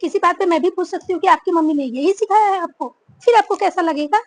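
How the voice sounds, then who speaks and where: A woman's voice: sits high, a little fast, lightly acted. A woman playing a defiant young daughter-in-law. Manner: defiant, firm. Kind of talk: family drama acting.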